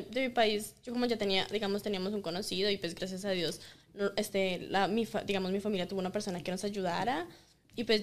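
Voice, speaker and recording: A young woman in her twenties with a Colombian accent talks quickly in a casual interview. She is a native Spanish speaker who answers politely and hesitantly, leaning on fillers. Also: medium pitch. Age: 20s. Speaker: guest.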